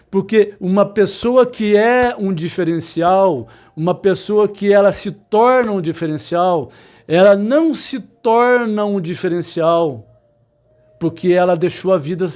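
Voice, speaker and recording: Coaching his electronics students with a motivational talk, this instructor in his fifties has a fairly high voice with a darkish tone. He is emphatic and insistent, going over each point again and abruptly slowing down to lean on key words.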